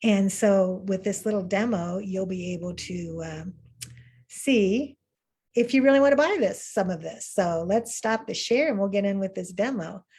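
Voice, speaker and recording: A woman's voice: medium pitch, moderate pace, darkish tone, slightly rough. A woman teaching an online art class, talking in an upbeat, encouraging way with fillers and restarts over a video call. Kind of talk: webinar lesson.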